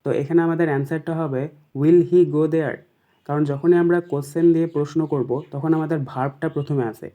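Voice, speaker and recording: A man with a West Bengal accent walks through an exam paper, reading each English question slowly before explaining it quickly in Bengali. His voice is a little high and steady, and the audio is narrow and tinny.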